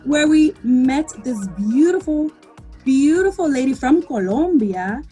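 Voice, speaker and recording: High-voiced, slow woman podcast co-host. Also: expressive, warm tone, soft background music. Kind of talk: scripted podcast intro.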